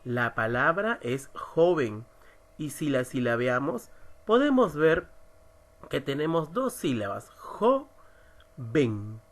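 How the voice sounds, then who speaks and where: Slow, emphatic man teaching a lesson. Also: on the high side, sing-song, a bit bright. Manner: slow, emphatic, stresses syllables. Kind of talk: recorded online lesson.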